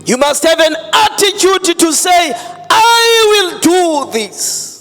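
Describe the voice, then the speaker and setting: A pastor preaching into a pulpit microphone, emphatic and drawn out, mixing in Xhosa words. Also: male voice, extremely high pitch, expressive, slow pace, a bit bright. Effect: speaking into a pulpit microphone. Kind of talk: sermon. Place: church hall. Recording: long hall reverb, faint music behind.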